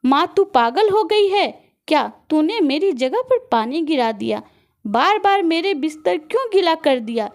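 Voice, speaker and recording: A woman's voice: on the high side, takes it slowly. Woman voicing an impatient, hot-tempered grown son. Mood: angry.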